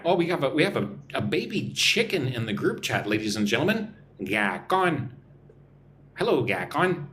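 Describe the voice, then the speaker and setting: A young Texan man, an English teacher and livestream host, teaches a live-stream class from a home room in Vietnam, reading viewers' comments and answering them. He is chatty and joking, his pitch moves around a lot, and his tone is fairly bright. A faint hum of room ambience lies beneath his voice.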